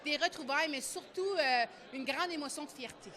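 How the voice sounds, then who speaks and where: A middle-aged woman, an institute director speaking proudly with many pauses. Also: high voice, some chatter behind. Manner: warm, proud, with many fillers.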